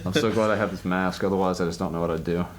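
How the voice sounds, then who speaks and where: A man's voice: sits low, steady tone, rapid-fire, slight background noise. A man co-hosting a casual podcast, playful and self-mocking in his banter. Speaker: podcast co-host. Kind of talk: casual chat.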